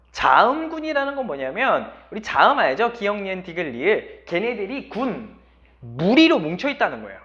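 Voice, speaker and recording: A male teacher with a fairly high voice that swings up and down as he lectures, firing question after question at his class. The recording is slightly dull and lo-fi. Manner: lively, constantly quizzing students. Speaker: Korean language teacher.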